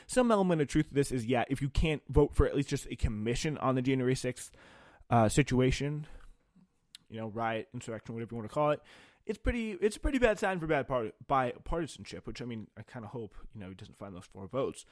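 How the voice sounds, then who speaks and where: A man's voice: medium pitch, very animated, darkish tone, no echo. Informal male political commentator, dry close sound. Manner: informal, halting delivery. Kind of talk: reading news aloud with off-the-cuff commentary.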